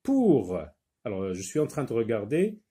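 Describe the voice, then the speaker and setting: A man teaching a phonics lesson, repeating words slowly and patiently, sometimes explaining in Arabic. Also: medium pitch, huge pitch swings, mellow, slightly rough. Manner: switches briefly into Arabic to explain. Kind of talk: primary school phonics lesson.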